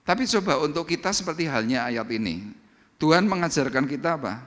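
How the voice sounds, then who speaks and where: A male pastor preaches with a lively, swooping voice, slipping into little acted exchanges. He speaks in a church hall, and the sound trails off in a long reverb. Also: on the high side, brisk. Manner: animated, acts out little dialogues. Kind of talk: sermon.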